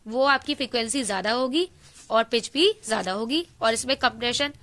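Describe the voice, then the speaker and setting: A woman with a high-pitched, bright voice teaches an online class. She keeps asking her students a question and then answering it herself. Definitions come out slow and deliberate. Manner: explains in Hindi mixed with English terms, reads English definitions slowly.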